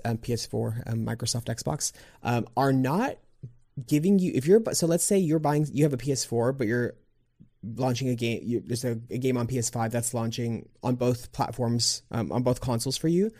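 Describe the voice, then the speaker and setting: Podcast co-host, male, mellow dry voice, loose rambling delivery. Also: medium pitch, moderate pace, dry recording. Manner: rambling, full of fillers and restarts. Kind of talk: casual chat.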